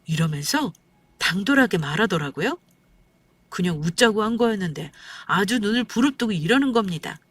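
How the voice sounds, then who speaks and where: A woman telling a first-person story in a calm, even, slightly aggrieved way. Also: medium pitch, brisk, husky, dry recording.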